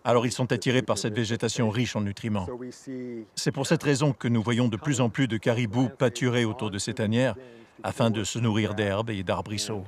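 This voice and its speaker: A man speaking as a wildlife researcher, giving measured, articulate explanations for a documentary. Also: lowish voice, fairly even intonation.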